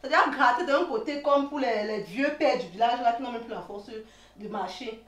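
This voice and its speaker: Woman doing a hotheaded jealous cameroonian girlfriend yelling accusations, high voice, echoey room mic far off. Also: brisk, lightly acted. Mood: agitated. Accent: Cameroonian French. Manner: loud, shouting, accusing. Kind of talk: comedy sketch acting.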